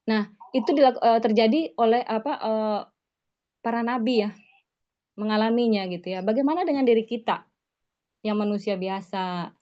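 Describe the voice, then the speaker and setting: A woman's voice: medium pitch, warm tone. A woman religious teacher giving an online lesson in a conversational way, tagging her phrases with 'gitu ya', heard over a video call. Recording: slightly muffled online call audio.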